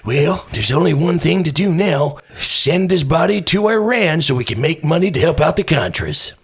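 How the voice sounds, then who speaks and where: Woman doing a gravelly, catty old Hollywood retiree. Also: low voice, animated, moderate pace, full character voice. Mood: catty reminiscing. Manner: wry, catty, reminiscing.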